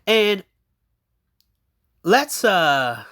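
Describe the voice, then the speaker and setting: A man's voice: sits high, big pitch swings, drawn-out words, bright, forceful tone. A man giving blunt, crude commentary on a clip in a drawling way. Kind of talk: slow commentary.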